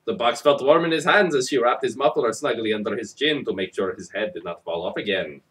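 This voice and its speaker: Narrating a children's story as a comic dramatic reading, a man hams it up with sarcasm, sounding a bit distant from the microphone. He speaks a little fast in a medium-pitched, fairly bright voice.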